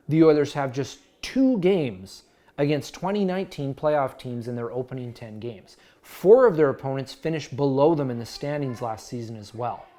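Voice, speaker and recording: Earnest guy in his 30s doing a sports blog preview, average pitch, tells stories, pokes fun at himself. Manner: earnest, storytelling asides with gentle self-mockery. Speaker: sports blogger. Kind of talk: scripted vlog commentary.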